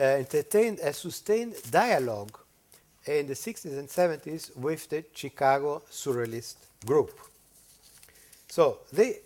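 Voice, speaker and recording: Older Brazilian-born man giving a lecture. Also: on the high side. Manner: reads quotations, frequent "uh" and checking "yeah?". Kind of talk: academic lecture. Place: lecture hall.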